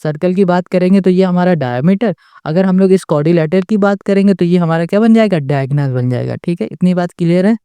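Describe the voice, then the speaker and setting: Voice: mid-range voice, quick pace, mellow, clean tone, no echo. A maths tutor giving a step-by-step lesson. The tutor keeps asking the class rhetorical questions and checks in with "okay?" after each step, patiently restating points.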